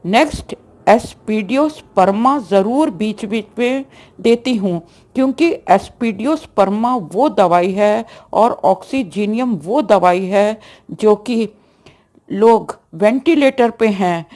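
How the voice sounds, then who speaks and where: Slow-talking woman doctor giving a health lesson. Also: mid-range voice, lively intonation, darkish tone. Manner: slow, deliberate explaining, mixing English medical terms. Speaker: homeopathic doctor.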